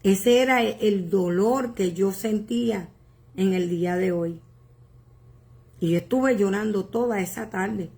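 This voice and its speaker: A woman pastor preaching a sermon, earnest and emotional, asking rhetorical questions and repeating words with pauses. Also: medium pitch, warm tone. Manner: halting repetitions and pauses.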